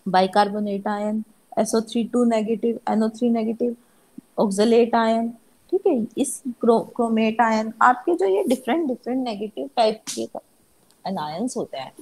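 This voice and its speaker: A woman teaching chemistry to a class, asking herself questions and answering them. Her voice sits a little high, with a husky edge and a gravelly fry. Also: dark tone, low-quality recording. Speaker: chemistry lecturer. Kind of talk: classroom lecture.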